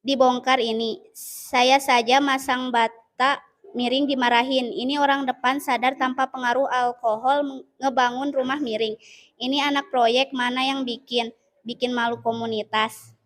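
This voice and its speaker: A woman student presenting a comic monologue in a classroom, joking in a deadpan way. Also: high voice, measured pace.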